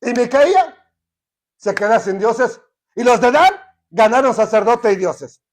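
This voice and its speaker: A man's voice: very high voice, lively intonation, a little slow. A man teaching a Bible study in a conversational way, often checking in with rhetorical questions.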